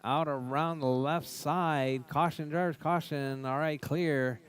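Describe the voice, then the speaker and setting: A man's voice: a little high, steady tone, slow pace. A man giving live race commentary like a spotter, in repetitive clipped calls of running order and cautions. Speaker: race announcer.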